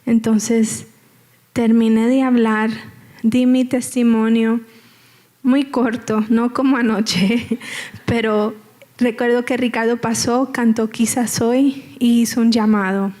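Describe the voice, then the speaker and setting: Slow and a little high, with fairly even intonation and a darkish tone, a woman gives a personal church testimony as a guest speaker. She talks conversationally, repeating phrases and checking in with those listening.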